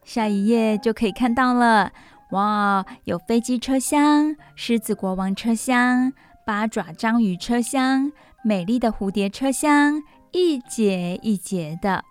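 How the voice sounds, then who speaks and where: A woman's voice: a little high, slow pace, clear, resonant tone. A woman hosting a children's radio show, reading a bedtime story aloud as if to a toddler, with simple exclamations and repeated phrases. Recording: music playing behind the voice. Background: music.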